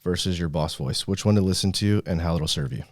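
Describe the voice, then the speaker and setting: A man's voice: low-pitched, brisk. A man hosting a podcast, talking in a loose, conversational way with lots of fillers and restarts. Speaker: podcast host. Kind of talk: casual podcast chat.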